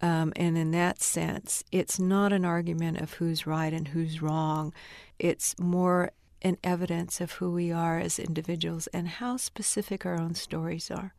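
A woman's voice: on the low side, flat delivery, a little slow, creaky, a little mellow, no echo, clean studio sound. A woman novelist answering interview questions in a reflective, thoughtful way. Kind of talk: interview conversation.

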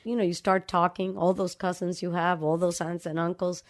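A woman novelist from the Dominican Republic answers an interview at normal speed, her voice low with a flat delivery. Thoughtful and reflective, she tells stories and plays out recalled dialogue.

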